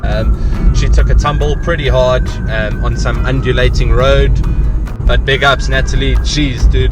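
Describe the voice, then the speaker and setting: A man with a broad South African accent talking casually to his vlog, laid-back, upbeat and slangy, outdoors on a bike ride. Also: medium pitch. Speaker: cycling vlogger. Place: outdoors on country roads, riding a bike. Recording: loud music over outdoor vehicle noise.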